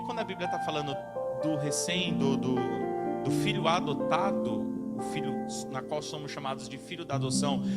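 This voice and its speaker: Man preaching, high voice, pastor telling family stories, calls on the congregation, loud music behind. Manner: storytelling with acted-out family voices; asks the congregation to answer back. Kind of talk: sermon.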